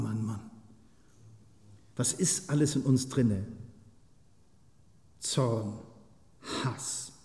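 A man preaching a sermon with passion, moving from quiet, searching questions to loud, pleading outbursts and putting questions straight to his listeners. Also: medium pitch. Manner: impassioned, swings from soft to loud shouting; asks the listeners many direct questions. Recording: long hall reverb.

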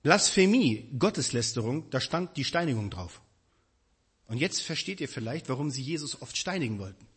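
Animated husky-voiced German preacher. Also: male voice, mid-range voice, normal speed. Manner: animated, emphatic, addresses the congregation directly. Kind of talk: sermon.

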